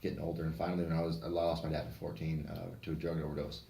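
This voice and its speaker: A man's voice: very deep voice, flat delivery, very fast, gravelly, mellow, reverberant, a little hiss or hum. A man from Oregon telling rambling, profane stories about his past in a casual podcast chat. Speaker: podcast host and former fighter.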